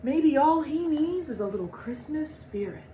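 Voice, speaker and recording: Lady reading kindly santa from a storybook, soft and gentle, high voice, some noise. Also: lively intonation, moderate pace. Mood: reassuring. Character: kindly, reassuring male Santa Claus.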